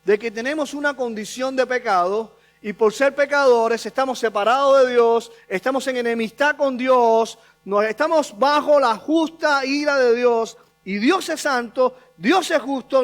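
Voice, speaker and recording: High-voiced man preaching a sermon. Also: normal speed, hardly any pauses, soft background music. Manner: emphatic, repeating key phrases for stress. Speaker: pastor.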